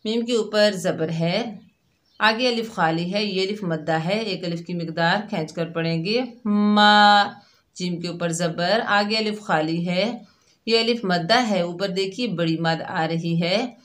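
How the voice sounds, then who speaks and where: A woman teaching Quran recitation rules step by step, explaining each letter and then sounding out the syllables slowly. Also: on the low side. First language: Urdu. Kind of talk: slow step-by-step tajweed lesson.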